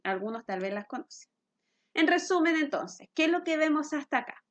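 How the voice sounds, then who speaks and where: Patient high-voiced teacher. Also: female voice, expressive, a little fast, lo-fi sound. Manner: patient, explains with questions to students. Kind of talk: recorded physics lesson.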